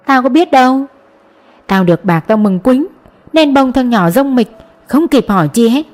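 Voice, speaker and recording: A woman reading the part of a rough middle-aged male petty thief with coarse, boastful talk in an audiobook. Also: high-pitched, animated, normal speed, darkish tone, faint music behind, pitched above the performer's own voice. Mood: gruff. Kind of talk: audiobook narration.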